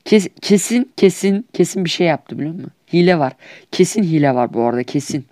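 A man's voice: on the high side, lively intonation, a little fast, dark tone, dry recording, clean studio sound. A young man with a Turkish accent, trash-talking over mobile shooter gameplay in a whiny, exasperated comedic skit. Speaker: gaming YouTuber.

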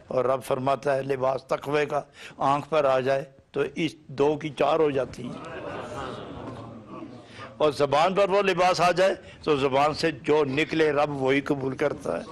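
A man from Pakistan delivering a sermon lesson in a slightly high voice. He builds long chanting runs of short parallel phrases, then lifts into pointed rhetorical questions. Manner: rhythmic, repetitive lists of short phrases; emphatic rising questions. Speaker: Sufi preacher.

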